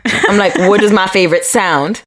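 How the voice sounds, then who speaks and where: A woman's voice: medium pitch, moderate pace, fairly bright tone, no echo. A woman co-hosting a podcast in casual chat, giggly and teasing. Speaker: podcast co-host.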